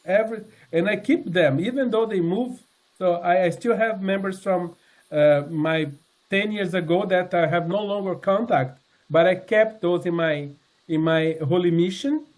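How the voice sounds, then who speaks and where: A member in his sixties, his voice notably high-pitched, gives a sincere personal testimony talk with slides. He speaks haltingly, often restarting phrases and filling gaps with "uh" and "um," plain and earnest rather than polished.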